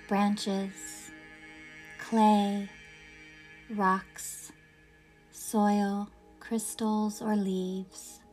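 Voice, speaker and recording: This guided yoga nidra meditation is led by a woman with a mid-range voice. She speaks in a gentle, soothing, unhurried way and leaves long pauses.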